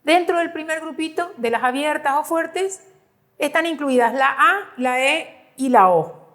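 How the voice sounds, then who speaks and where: A woman's voice: high voice, lively intonation, measured pace, a bit bright. A woman teacher presents a grammar lesson over slides, patiently repeating points and checking understanding with short hums. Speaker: school teacher.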